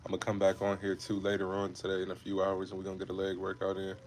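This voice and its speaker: A man's voice: deep voice, monotone, fast, a little hiss or hum. A man in his twenties from Ohio, chatting casually with viewers on a fitness livestream, laid-back and repetitive, calling them bro and man. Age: 20s. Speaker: fitness creator hosting a livestream.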